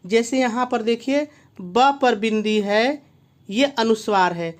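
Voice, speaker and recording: A man's voice: extremely high pitch, slow. A male teacher giving a video lesson, who asks himself why and then answers, repeating each key point. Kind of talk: classroom-style video lesson.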